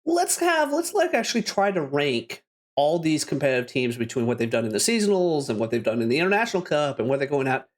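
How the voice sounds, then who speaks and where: A man's voice: on the high side, very animated, fast talker. A man from Canada hosting a casual gaming podcast, upbeat and laughing often, with loose restarts. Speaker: podcast host.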